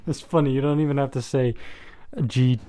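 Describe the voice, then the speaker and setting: A man's voice: mid-range voice, fairly even intonation, a little fast, mellow, slight background noise. A young man hosting a live-streamed board game, chatting with his viewers in a joking, rambling way with plenty of fillers. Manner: chatty, joking, talks to chat, many fillers. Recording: music faintly behind the voice.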